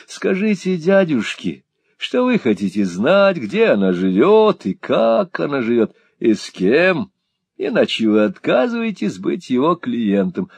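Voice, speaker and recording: A man's voice: lowish voice, creaky, a little mellow, no room sound, full character voice. Man doing a drawling, scheming rake. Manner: drawling, languid, condescending. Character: cynical male aristocrat rake, drawling and scheming.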